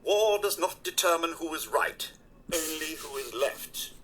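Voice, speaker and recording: A man's voice: on the high side, measured pace, sharp tone, a little hiss or hum. An actor playing a polite, formal male robot butler in a video game, courteous and eager to serve.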